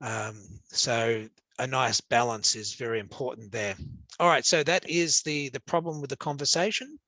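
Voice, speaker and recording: A man's voice: medium pitch, moderate pace, sharp tone, no echo. An Australian man teaching an interactive class, upbeat and joking as he hands out quiz points to encourage his students.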